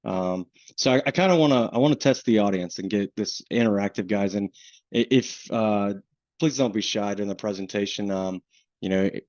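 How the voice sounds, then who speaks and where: A man's voice: lowish voice, moderate pace, a little mellow, no echo. A man with a Southern US accent presenting a webinar on flood insurance in a casual way, with plenty of restarts and fillers. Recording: dull, lo-fi webinar audio.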